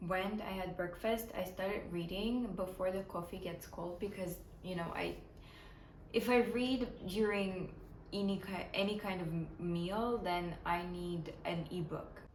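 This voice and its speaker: Speaking a little slowly in a fairly low voice, a tired young woman, a Ukrainian native speaker, talks casually about her current books while thinking out loud and restarting. This book vlogger sits far from the mic in a roomy space, with faint ambience and slight background noise.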